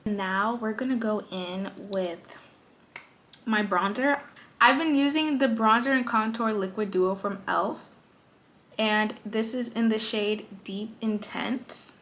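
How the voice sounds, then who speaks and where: A young woman lifestyle vlogger takes it slowly, her medium-pitched voice fairly bright against slight background noise. She chats playfully through her everyday makeup routine at her vanity, cracking jokes along the way in this casual tutorial.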